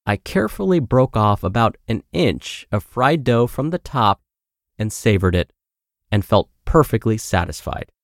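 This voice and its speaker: A male podcast host reads a written post aloud in an even, clear manner with a gravelly edge to his voice. His commentary is chatty and has a dry, self-aware humor. The sound is close and dry, with no room around it. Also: fairly low pitch, a little slow, no echo. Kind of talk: reading a blog post aloud, then personal commentary.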